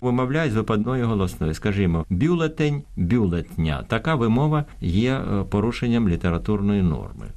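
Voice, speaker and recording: A middle-aged man, a linguistics professor, explaining pronunciation rules in a measured, lecturing way on a radio interview. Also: lowish voice, a little mellow. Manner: measured, lecturing, spells out example words slowly.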